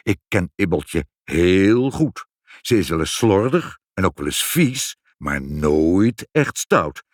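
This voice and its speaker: A man acting out a good-natured old Saint Nicholas, deep and a little husky, drawing out every word. He muses slowly, with a gentle, grandfatherly weight. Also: big pitch swings, no room sound, studio quality, full character voice. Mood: musing. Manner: slow, deliberate, musing. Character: kindly old Saint Nicholas, slow and ponderous.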